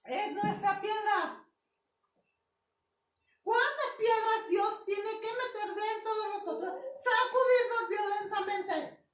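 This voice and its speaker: A woman's voice: very high-pitched, slow, fairly bright tone. A woman pastor preaching a sermon, repeating phrases with emphasis, checking in with the congregation and sometimes drawing words out in a sung cadence. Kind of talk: sermon with personal testimony. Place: church sanctuary. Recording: echoey church hall, mic far off.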